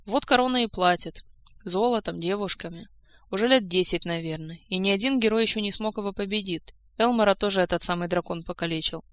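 A woman voicing a lively, frank young woman. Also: mid-range voice, a little fast, no echo, lightly acted. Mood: explaining.

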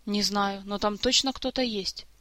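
A woman reading as a curious, earnest male elf who keeps asking questions. The voice is bright and forward, recorded dry and close. This is a storybook reading. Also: high-pitched, fairly even intonation, normal speed, no room sound.

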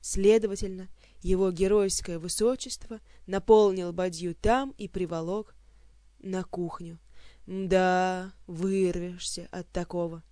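An audiobook narrator reading a fantasy story in an expressive, lively storytelling manner. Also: medium pitch, slow, no room sound, studio quality.

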